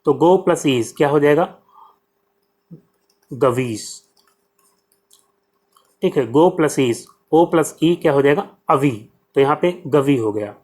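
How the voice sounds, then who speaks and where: A man's voice: on the high side, lively intonation, slow, pauses often, a little mellow. A man with a Hindi accent teaching an exam-prep grammar lesson, explaining step by step, asking questions and answering them himself. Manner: explains step by step, repeats "ठीक है" often.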